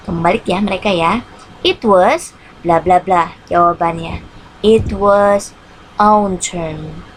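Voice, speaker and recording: Slow-talking woman teaching English. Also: medium pitch, slight background noise, rough recording. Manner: repeats each English line in Indonesian, slow careful English. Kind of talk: online English lesson.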